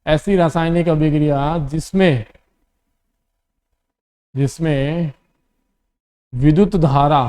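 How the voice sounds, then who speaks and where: A man's voice: fairly high pitch, fairly even intonation, slow pace, pauses often, dark tone. A male teacher with a Rajasthani Hindi accent, giving a classroom lecture that dictates definitions. He keeps asking questions, repeats the answers himself and calls the students "beta".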